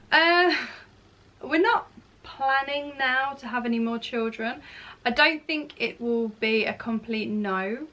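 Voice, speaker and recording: A woman of thirty answers viewer questions in a relaxed vlog. Her voice sits a little high, and she rambles and restarts her sentences as she chats. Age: 30s. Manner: rambling, self-correcting, chatty. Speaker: beauty and lifestyle vlogger. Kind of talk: casual Q&A chat to camera.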